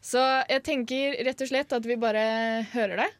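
A woman's voice: a little high, steady tone, no room sound. A woman co-hosting a casual radio chat in a studio, laughing and explaining in rambling turns. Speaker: radio co-host.

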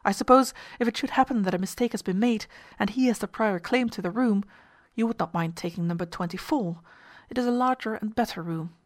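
A woman's voice: mid-range voice, a little fast, few pauses, natural voice. A woman reading a nervous ship's purser. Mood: placating. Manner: nervous, placating. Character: flustered middle-aged male ship's purser.

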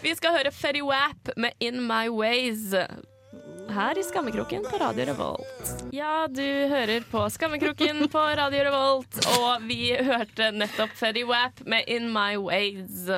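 A woman's voice: fairly high pitch, music in the background. A young woman in her twenties hosting a radio show, telling candid, self-mocking stories in casual chat. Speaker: radio host. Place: radio studio.

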